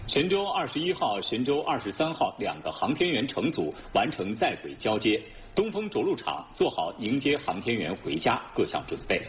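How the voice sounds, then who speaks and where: A man reading scripted news as an anchor in standard mainland Mandarin, formal, measured and precise. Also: mid-range voice, sing-song. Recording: tinny narrowband broadcast with faint noise.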